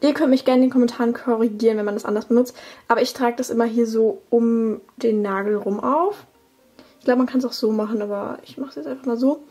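Faint music plays behind a young German woman whose mellow voice is on the high side, steady in tone and quick in pace. A beauty vlogger at her desk at home, she walks through her routine in a casual tutorial chat, using fillers and correcting herself.

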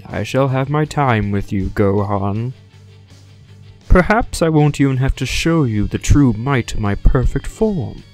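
A man acts out a smug monster villain in a cartoon impression voice. The delivery is slow, pompous and coldly condescending, with faint game music underneath. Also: medium pitch, lively intonation, a little mellow.

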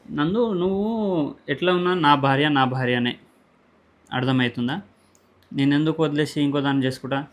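A man's voice: medium pitch, fairly bright tone. A man, speaking in a staged couple prank at home, scolding harshly before turning to coax and soothe. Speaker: husband pulling a prank on his wife.

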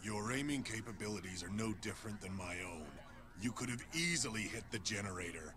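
A man voicing a stern robot commander in an animated film, giving clipped, authoritative orders. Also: fairly low pitch, a little fast, a crowd in the background, lightly acted. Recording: distant film playback over music.

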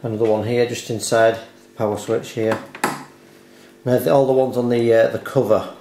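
A man with a mid-range voice and level tone speaks at normal speed, narrating a hands-on repair tutorial step by step, carefully and without hurry. He's indoors at a dining table at home, and the recording has a roomy echo, background hiss, and handling clicks.

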